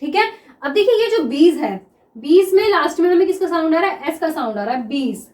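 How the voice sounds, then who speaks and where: A woman teacher explaining shorthand examples step by step, saying words slowly as she writes them and often checking whether students follow. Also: very high-pitched, expressive, darkish tone, echoey room. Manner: repeats words slowly while writing, asks 'clear?' often. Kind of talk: classroom lesson explaining examples.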